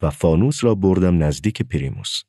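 A man's voice: sits low, expressive, creaky, mellow, breathy edge, dry recording, clean studio sound. A man narrating a story as an audiobook, telling it expressively.

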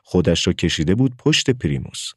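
A man's voice: sits low, sing-song, a bit bright, slightly rough, dry recording, studio quality. A man narrating a story as an audiobook, telling it expressively.

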